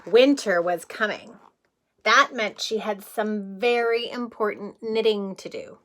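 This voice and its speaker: At a measured pace and medium pitch, this woman reads a picture book to little ones the way a kindergarten teacher would. Her storytelling is lively and full of chuckles, and she keeps asking the children questions and putting words into simple language.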